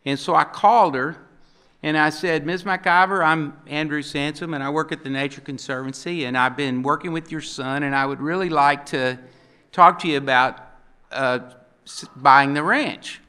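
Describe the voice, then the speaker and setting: On a panel in a hotel conference room, an older man speaks into a table mic, telling folksy anecdotes and acting out the people he quotes. His voice is a little high, pushed and bright yet clean, at a moderate pace.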